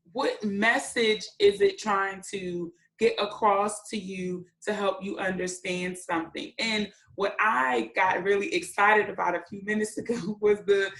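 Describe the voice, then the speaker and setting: A woman with a medium-pitched, fairly bright voice hosts a children's storytime in an echoey room. She's a read-aloud host and teacher, reading to young listeners and explaining words simply and encouragingly.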